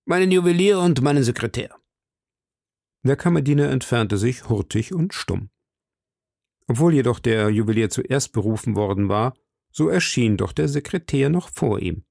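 A man narrating a classic novel as an audiobook in a measured, steady way. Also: medium pitch, vocal fry, no echo, clean studio sound. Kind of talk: reading a classic novel aloud.

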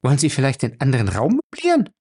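A man voicing a calm, firm young woman in an audiobook who speaks with cool sarcasm. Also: medium pitch, fast. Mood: cool ironic.

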